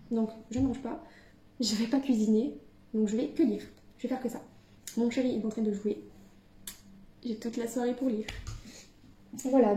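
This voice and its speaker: A woman's voice: fairly high pitch, warm tone. A young woman book vlogger chatting casually to camera at home, hesitant with many fillers and restarts. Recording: echoey room.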